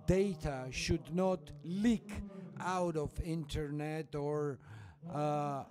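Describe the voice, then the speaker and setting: A man giving a conference presentation in careful English, hesitant, with frequent fillers. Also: on the high side. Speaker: panel speaker. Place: conference hall.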